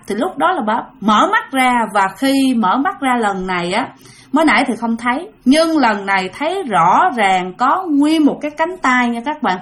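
High-voiced Southern Vietnamese woman storyteller. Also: a bit bright. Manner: chatty, addresses listeners directly. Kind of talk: casual ghost-story narration.

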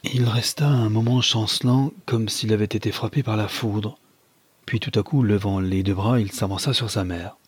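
A man narrating a classic novel in a calm, measured storytelling manner. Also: on the low side, husky, no room sound. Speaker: audiobook reader.

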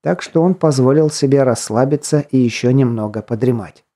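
Man, audiobook narrator, steady measured reading, warm mellow voice, middle pitch. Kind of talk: scripted narration.

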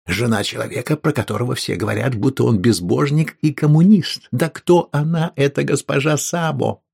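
A man reading an audiobook, voicing an excitable, pious innkeeper's wife with raised, indignant outbursts and a raspy voice. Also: medium pitch, moderate pace. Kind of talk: audiobook character voice.

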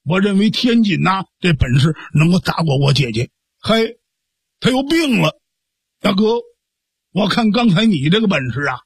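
A man's voice: sits high, vocal fry, husky, dry recording, heavily acted. A man voicing a simple-minded young man who whines and pleads tearfully. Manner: pleading, tearful, childish whining. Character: whiny simple-minded young man, bullied little brother.

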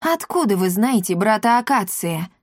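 A woman's voice: medium pitch, big pitch swings, normal speed, dry recording. A stern grey striped tomcat speaks with a menacing hiss, as a woman reader puts him on. Dry, close sound. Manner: hissing, menacing. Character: stern grey striped male cat, suspicious.

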